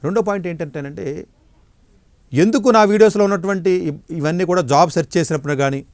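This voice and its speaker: A middle-aged man, an education counselor, giving blunt, forceful answers in an interview. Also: high voice, quick pace, no room sound, clean studio sound.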